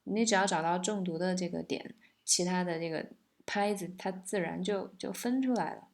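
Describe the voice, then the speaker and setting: A woman teaching the pronunciation of a pop song, patiently explaining linked sounds and laughing softly now and then. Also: lowish voice, normal speed, vocal fry. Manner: explains patiently, sings lines then breaks them down. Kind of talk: song lesson, explaining and singing examples.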